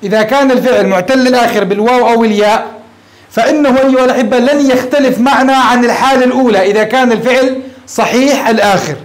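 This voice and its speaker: A man's voice: extremely high pitch, fast talker, poor audio. A sheikh teaching grammar to a class, explaining step by step and putting questions to his students. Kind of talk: classroom lecture at a whiteboard.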